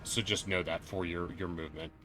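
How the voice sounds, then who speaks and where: A man running a tabletop role-playing game online, chatty and quick to laugh, often restarting his sentences. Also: low-pitched, steady tone, over music. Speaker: game master.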